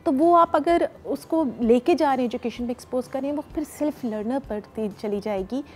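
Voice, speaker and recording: A woman psychologist with a Pakistani accent, explaining in a measured way and mixing English phrases into her Urdu, on a TV morning show. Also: sits high. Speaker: psychologist guest. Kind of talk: studio interview. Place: TV studio.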